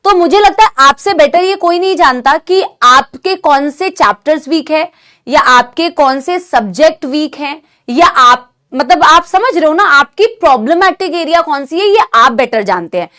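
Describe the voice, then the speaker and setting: A young woman teaching a live online class with a sore throat from a cold, talking gently and affectionately to her students while mixing Hindi and English. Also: high-pitched, lively intonation, moderate pace. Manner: motherly, calls students "beta", mixes Hindi and English. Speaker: online NEET biology teacher.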